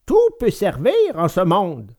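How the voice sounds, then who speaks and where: A woman voicing a patient, kindly old woodcarver in a storybook reading, slow and gentle, giving little lessons. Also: on the low side, wildly swooping pitch, heavily acted. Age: older.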